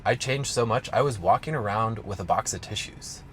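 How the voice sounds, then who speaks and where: A strength coach talking casually to camera, telling a personal story in a rambling way full of "like" and restarts. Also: male voice, lowish voice, normal speed, a bit bright, slight background noise. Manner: casual, rambling, heavy use of "like".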